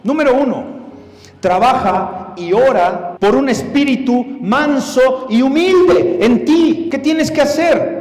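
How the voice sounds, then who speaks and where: A man's voice: extremely high pitch, lively intonation, slow, darkish tone. A man preaching a sermon, emphatic and speaking straight to his listeners with rhetorical questions. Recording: echoey hall.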